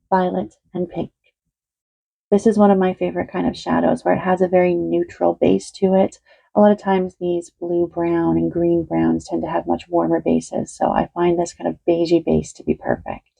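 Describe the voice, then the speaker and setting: A woman from Canada who is a bit winded from being sick, quickly reviewing eyeshadows and listing their color shifts one by one. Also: medium pitch, vocal fry, warm tone, highs cut off. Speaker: beauty reviewer.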